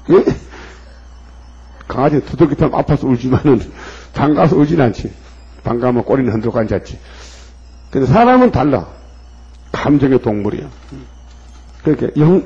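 A man's voice: medium pitch, lively intonation, fairly quick, pauses often, dark tone, husky. A man preaching a sermon in an emphatic way, firing pointed questions at his listeners. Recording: dull lo-fi recording.

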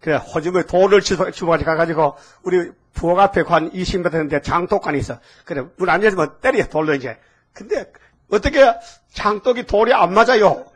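Husky-voiced older man preaching a sermon. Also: high voice. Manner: folksy, scolding, asks the congregation questions. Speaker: pastor.

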